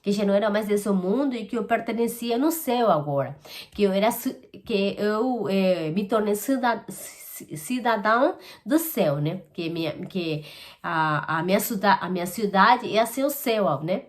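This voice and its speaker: A woman giving a personal spiritual testimony, earnest and halting, with many restarts. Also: medium pitch, lively intonation. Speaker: testimony giver.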